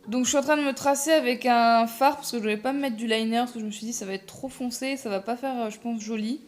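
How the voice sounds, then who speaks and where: A young woman narrates her makeup tutorial in a casual, rambling way, laughing at herself and stumbling over her words. Her voice sits a little high. Soft music runs quietly underneath. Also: steady tone, fast. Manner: chatty, self-deprecating, many fillers and restarts. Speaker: makeup vlogger.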